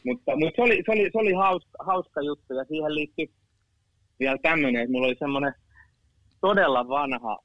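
A man's voice: a little high, a bit bright, no echo. A man in his fifties telling stories as a guest in casual chat, rambling, repeating words and swearing casually. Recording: dull lo-fi sound.

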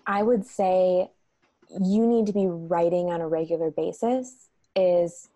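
Animated woman guest, dry close sound. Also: on the low side, measured pace, no echo, lo-fi sound. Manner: animated storyteller, laughs easily, says "like" a lot. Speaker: guest, messaging strategist. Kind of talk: casual interview chat.

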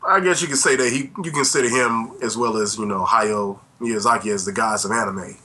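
A middle-aged man with a low, forceful, bright voice chats as a podcast co-host. He rambles casually through memories, self-deprecating and full of verbal asides. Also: fairly quick. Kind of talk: casual chat, reminiscing.

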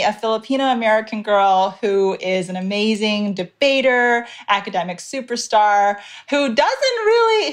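A woman author on a panel, upbeat and enthusiastic as she talks. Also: mid-range voice. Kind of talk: casual panel discussion.

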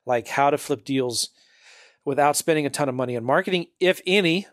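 Chatty male podcast host, friendly, laughs easily, slightly high voice. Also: brisk, dry recording, clean studio sound. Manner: upbeat, chatty, laughs often. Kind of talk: casual interview chat.

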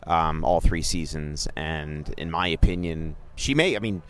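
A middle-aged sports journalist co-hosting a podcast rambles and jokes in casual chat, often interrupting himself to restart sentences. His voice is very deep and his pace measured.

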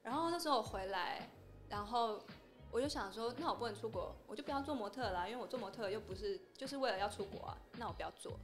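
Model guest: woman, quick and frank, music underneath. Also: fairly high pitch. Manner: frank, animated storytelling. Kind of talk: casual podcast conversation.

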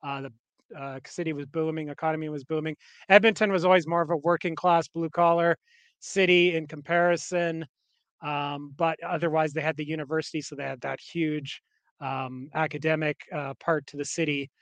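A man's voice: fairly high pitch, flat delivery, normal speed, a bit bright, no echo. A Canadian man co-hosting a podcast in casual chat, rambling with lots of fillers and restarts. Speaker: podcast co-host.

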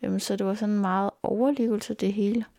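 A young woman recounting her life in an interview, earnest and halting, speaking indoors at her grandparents' home. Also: mid-range voice, steady tone, vocal fry, mellow, no room sound. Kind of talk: personal life story interview.

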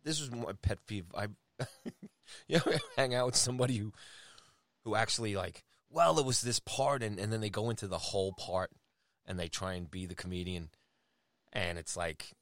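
A man's voice: fairly low pitch, normal speed, pauses often, fairly bright tone, no echo. A middle-aged man co-hosting a podcast, chatting casually in an easygoing, rambling, teasing way. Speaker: podcast co-host. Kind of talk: casual chat.

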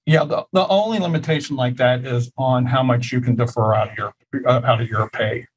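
A man's voice: medium pitch, fairly quick, a little hiss or hum, rough recording. A man co-hosting a tax question show, explaining retirement plans and rules in a careful, practical way. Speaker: tax advisor co-host. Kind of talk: casual tax Q&A chat.

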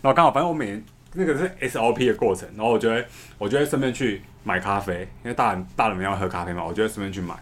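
A man, telling a story in a casual podcast chat, fast, repeating words and laughing often. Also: fairly low pitch. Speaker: podcast co-host.

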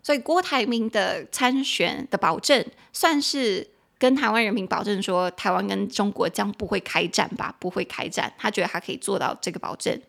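A woman's voice: medium pitch, moderate pace, creaky. Chatty woman teaching English. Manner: chatty and animated, mixing English phrases into Mandarin and spelling words out. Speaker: podcast host and English teacher. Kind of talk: casual explanatory podcast lesson.

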